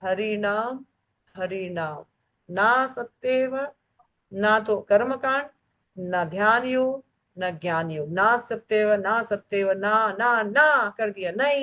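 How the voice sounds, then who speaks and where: A woman's voice: fairly high pitch, fairly bright tone. A woman leading a devotional scripture class, stressing points by repeating them and mixing English words into her talk. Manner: emphatic, repeats key phrases three times. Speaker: devotional study group leader.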